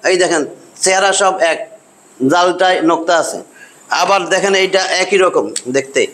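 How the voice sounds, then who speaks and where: High-voiced man drilling letter sounds. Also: normal speed, a bit bright. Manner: patient, repeats letter sounds over and over. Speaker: Quran reading teacher. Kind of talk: classroom lesson.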